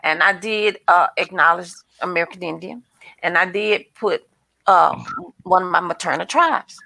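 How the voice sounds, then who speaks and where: A woman's voice: lowish voice, creaky, bright, forceful tone, dry recording, low-quality recording. A woman speaking thoughtfully in a casual discussion, often restarting her sentences. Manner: thoughtful, halting, with many restarts.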